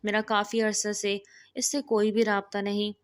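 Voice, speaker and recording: A woman's voice: medium pitch, flat delivery, clear, resonant tone, lightly acted. A woman reading as a sad, resigned young bride. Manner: sorrowful, resigned. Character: sad young woman unsure of her marriage.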